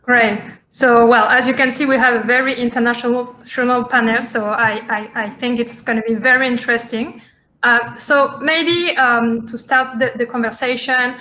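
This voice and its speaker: A woman moderates a conference panel in a bright, clear voice. She sits a little higher than most women and hesitates often, restarting her sentences between fillers. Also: a little hiss or hum. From France.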